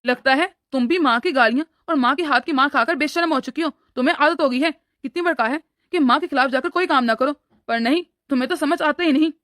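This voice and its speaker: Cartoon husband, a woman playing him: weak, lecturing, high and fast-talking. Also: a bit bright, no echo, studio quality. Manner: lecturing, placating. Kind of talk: cartoon story voice acting.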